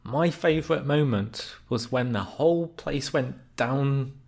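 Slow, gravelly man, deadpan. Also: mid-range voice. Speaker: podcast co-host. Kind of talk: casual podcast chat.

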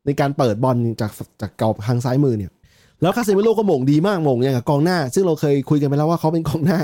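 A man in casual football podcast chat, talking quickly with a mellow, warm tone and a slightly high pitch. He laughs often and swears freely among friends. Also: expressive. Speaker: podcast co-host.

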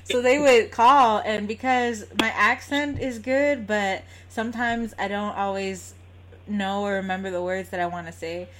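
An American woman with a standard accent conducts an interview as a casual, informal chat, laughing easily as she talks. Her voice is medium-pitched and fairly bright, with a steady tone and measured pace.

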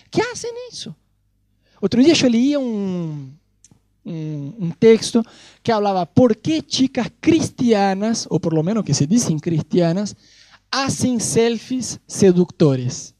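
A male preacher giving a sermon, an animated storyteller who jokes about his own youth. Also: sits high, dry recording. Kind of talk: sermon with personal anecdotes.

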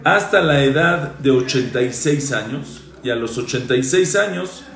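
A man's voice: medium pitch, expressive, normal speed, creaky, a bit bright. A man, a rabbi, teaching a Torah class, quoting passages in Hebrew and Aramaic, then explaining and repeating phrases. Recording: roomy echo.

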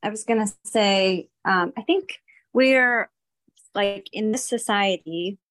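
A woman's voice: mid-range voice, takes it slowly, a bit bright, no echo. A woman in a casual group discussion, talking hesitantly with many fillers while her call connection breaks up. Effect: choppy breaking-up call connection. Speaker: discussion participant. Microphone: video call.

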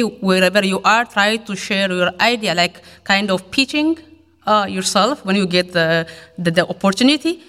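A woman's voice: fairly low pitch, fairly bright tone. A woman panelist answering an audience question, earnest and hesitant, with many fillers. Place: event hall. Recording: reverberant hall.

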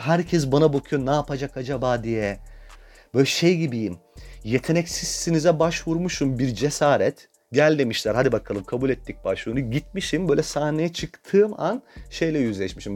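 A man's voice: on the high side, darkish tone. A young man hosting a podcast, telling a comic personal story in a crude, self-mocking way and swearing freely. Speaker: podcast host.

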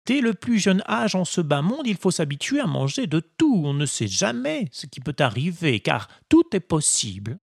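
A man voicing a kind, patient old woodcarver who gently lectures his puppet son in a storybook reading. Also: on the high side, big pitch swings, normal speed, vocal fry, few pauses, slightly rough, no room sound, studio quality, voice pushed up, exaggerated voice. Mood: lecturing. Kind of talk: audiobook character voice.

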